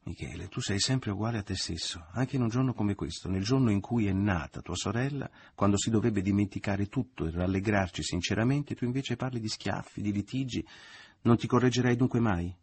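Male reader as a indignant, fussy middle-aged mother; low husky tone. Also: brisk, darkish tone, dry recording. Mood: reproachful. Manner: complaining, indignant. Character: fussy middle-aged mother, touchy, quick to take offense.

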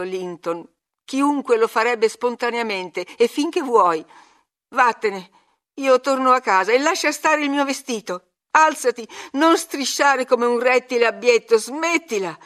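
A woman reading an audiobook, voicing an angry, proud young woman who speaks sharply and loudly. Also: medium pitch, steady tone, normal speed, hardly any pauses, lightly acted. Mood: furious. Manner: sharp, indignant, loud.

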